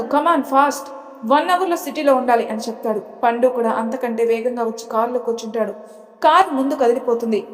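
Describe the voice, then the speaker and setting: Woman storyteller, serial drama narration, fairly high voice, long reverb. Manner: dramatic, steady.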